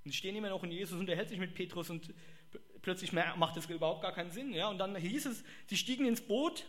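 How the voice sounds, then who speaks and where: A man preaches a sermon in a high, bright voice. He talks in an animated way, bursting into exclamations and acting out the people he quotes. His tone is sharp and forward. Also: fast talker.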